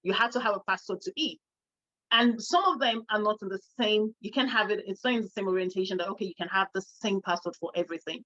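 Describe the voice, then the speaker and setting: A middle-aged woman co-hosting a casual chat, telling a story in a lively way and laughing often. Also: medium pitch, quick pace, lo-fi sound. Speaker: co-host.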